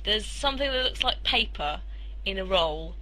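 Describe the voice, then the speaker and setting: A woman's voice: mid-range voice, lively intonation, normal speed, pushed and bright, rough recording. A woman presenting a cooking segment on a casual podcast, explaining step by step, exasperated and swearing casually.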